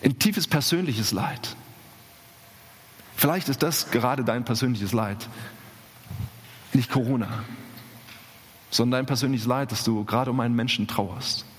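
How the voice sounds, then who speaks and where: A male pastor preaching a sermon with emphasis, repeating key phrases and slowing down on the important words. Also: medium pitch. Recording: long hall reverb.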